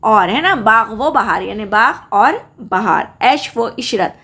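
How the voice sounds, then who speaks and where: A woman teaching a grammar lesson, slowly pronouncing example words with careful stress and repeating them. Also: fairly high pitch, expressive, bright, forceful tone, breathy edge.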